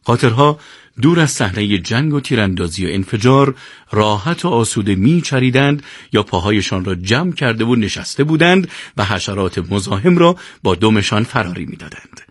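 Guy reading a war story aloud, animated, husky voice. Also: fairly low pitch, no echo, clean studio sound. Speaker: narrator. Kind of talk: scripted audiobook narration.

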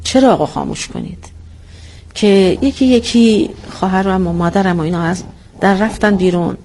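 A woman recalling a personal memory in a soft, reflective way. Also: medium pitch, a little hiss or hum. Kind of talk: personal recollection.

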